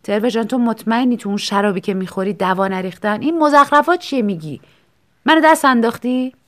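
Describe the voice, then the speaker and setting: A woman's voice: medium pitch, close to an everyday voice. A woman voicing an easily upset young man who exclaims in protest, in a storybook reading. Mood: indignant. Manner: exclaiming, indignant.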